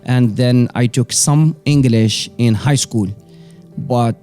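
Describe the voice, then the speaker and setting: Taking his time, a Moroccan-accented man in his forties who runs a business tells personal stories casually as an interview guest. He grew up speaking Arabic and French. His voice is mellow and medium-pitched, with soft music in the background.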